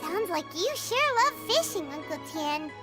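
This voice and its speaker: Paimon, a squeaky tiny sprite. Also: female voice, big pitch swings, measured pace, exaggerated voice. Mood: curious. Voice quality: squeaky, childlike. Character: Paimon, tiny floating female companion, chirpy and eager. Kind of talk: game voice acting. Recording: game audio over music.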